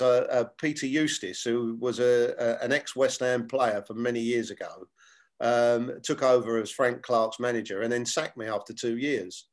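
An older man speaks at a middle pitch as an interview guest. He talks in a measured, unhurried way, reliving his playing and coaching years and quoting old conversations as he goes. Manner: measured, many fillers and restarts, retells dialogue. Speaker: former footballer and coach, guest. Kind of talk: reflective interview storytelling.

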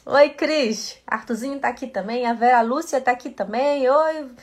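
Chatty woman teaching German. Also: high voice. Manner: chatty, repeats words slowly and greets viewers by name. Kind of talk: live-streamed language lesson. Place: at home in front of a computer. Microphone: computer camera mic.

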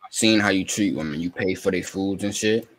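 Brief: young male podcast host, lowish voice, profane teasing banter. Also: a little fast. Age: 20s.

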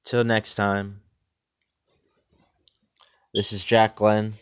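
A man giving a deadpan parody of a guided meditation in a slow, calm, soothing voice. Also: fairly low pitch, clean tone. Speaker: host of a parody meditation video.

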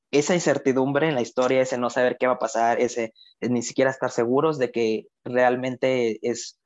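A man chatting about a novel he read, his speech halting and full of restarts. His voice sits in an ordinary middle pitch. The sound is dull and lo-fi. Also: no room sound. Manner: halting, many restarts and repeated words. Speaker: book club discussant. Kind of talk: casual book discussion.

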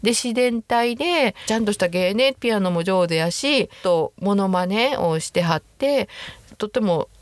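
A woman's voice: mid-range voice, expressive, unhurried, dry recording. Chatty Kansai woman in her sixties. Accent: Kansai Japanese. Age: 60s. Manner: chatty, self-deprecating, laughs often. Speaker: podcast host. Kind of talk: casual chat reading listener mail.

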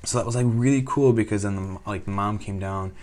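Chatty, low-voiced man telling a story. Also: brisk. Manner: chatty, animated, laughs often, quotes people in voices. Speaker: vlogger recounting a trip. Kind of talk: casual storytelling monologue.

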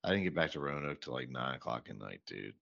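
A man's voice: rumbling low, lively intonation, fast talker, gravelly, sharp tone. A man, co-hosting a casual podcast and telling a profane, exasperated story. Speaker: podcast co-host. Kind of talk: casual chat. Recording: dull lo-fi podcast mic.

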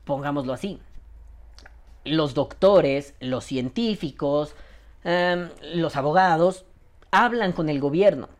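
A Mexican show host in his thirties, with a slightly high voice and a slow pace, delivers a casual rant monologue. He's animated and profane, and he often mimics other people's voices, speaking with a Mexican Spanish accent.

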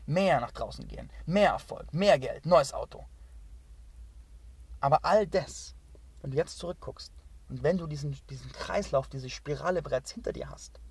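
A man delivering an impassioned motivational monologue as a spiritual coach. He talks intensely and emphatically, repeats phrases, swears, and sometimes drops to a hushed half-whisper. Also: fairly high pitch, lively intonation, moderate pace, vocal fry, breathy edge.

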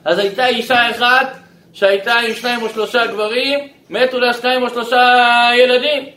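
A man teaching a Torah lesson as a rabbi, animated and asking his listeners questions. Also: very high voice, roomy sound, rough recording.

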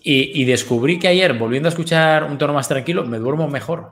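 A man's voice: a little high, a little fast, a bit bright. A man with a Spain Spanish accent, chatting as a guest and spinning rambling, casually profane anecdotes. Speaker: guest commentator. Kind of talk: casual chat.

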